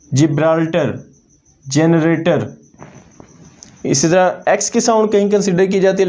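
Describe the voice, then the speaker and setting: A man teaching an English language lesson, explaining methodically and repeating example words slowly to demonstrate them. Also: on the high side, warm tone, dull audio.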